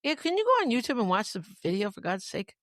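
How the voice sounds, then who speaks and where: A woman in her fifties with a Long Island accent, hosting a casual podcast chat and telling stories in an animated way, often restarting and repeating words. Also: medium pitch, quick pace, dry recording, studio quality. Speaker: podcast host.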